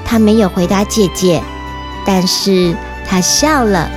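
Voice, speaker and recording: A woman's voice: medium pitch, a little slow, music in the background. A woman with a Taiwanese Mandarin accent telling stories to children as a kids show host, speaking directly to little listeners. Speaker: children's story podcast host and narrator. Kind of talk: storytelling narration for children.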